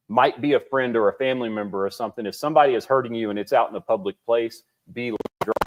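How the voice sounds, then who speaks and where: A man on a talk show giving safety advice in an earnest way, repeating his key points. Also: mid-range voice. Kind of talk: casual talk show interview. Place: studio.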